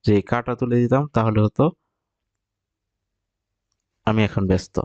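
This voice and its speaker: A man teaching Japanese vocabulary, explaining step by step and repeating example phrases slowly. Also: fairly low pitch, fairly even intonation, darkish tone, dry recording, lo-fi sound. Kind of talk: recorded vocabulary lesson.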